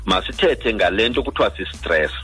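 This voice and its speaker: A man's voice: on the low side, animated, a little fast, fairly bright tone, faint music behind. A South African man, a guest doctor, explaining things in a radio interview and often checking that listeners follow. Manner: checks understanding with frequent tag questions.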